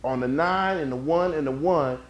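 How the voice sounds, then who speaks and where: A man's voice: a little high, normal speed, dull audio, a crowd in the background, close to an everyday voice. A man playing a laid-back, slangy young neighbor in a comedy sketch interview. He rambles and stumbles over his words.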